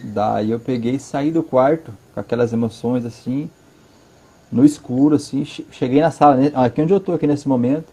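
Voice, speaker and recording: A man with a Brazilian Portuguese accent giving an earnest personal testimony from his living room, halting and repeating words for emphasis. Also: medium pitch, mellow, slightly rough. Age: adult, father of a five-year-old. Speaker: interview guest.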